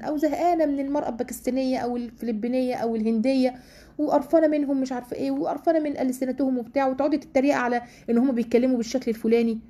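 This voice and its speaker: Teaching an informal Quran study class to women, a woman with an Egyptian Arabic accent speaks in a high voice with a dark tone. She chats, poses rhetorical questions, and slows for verse recitation.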